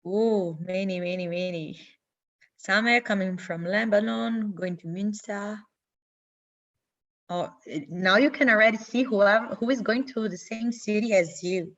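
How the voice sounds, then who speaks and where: Dull audio carries the medium-pitched, measured voice of a young Brazilian webinar host leading an online info session by video call. She explains each step in a friendly, instructive way, making small slips in her non-native English.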